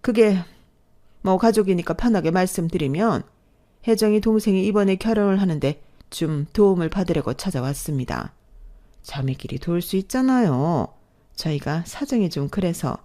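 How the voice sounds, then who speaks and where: A woman's voice: on the low side, animated, moderate pace, dark tone, lightly acted. A woman voicing a greedy, brazen stepmother who talks in a pushy, demanding way, read as storybook dialogue.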